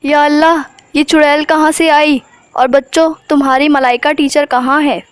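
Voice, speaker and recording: A woman plays a stern cartoon principal who scolds with indignation. Her voice is high in pitch. The recording is dry and close. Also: little pitch movement, normal speed, no echo, close to an everyday voice. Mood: shocked.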